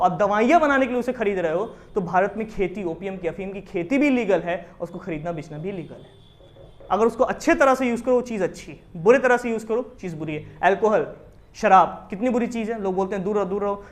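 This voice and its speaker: Lively commerce teacher lecturing. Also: male voice, high voice. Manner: lively, asks the class questions often. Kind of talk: classroom lecture in Hindi with English terms.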